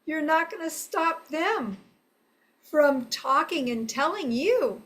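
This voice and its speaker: Older female children's educator: high-pitched, very slow, lively intonation, friendly and simple. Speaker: presenter teaching bird calls.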